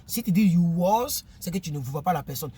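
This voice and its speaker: Animated man vlogging to subscribers. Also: a little high, a little fast, breathy edge. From Ivory Coast. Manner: animated, preachy, repeats words while searching. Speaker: YouTuber. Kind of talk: casual vlog to subscribers.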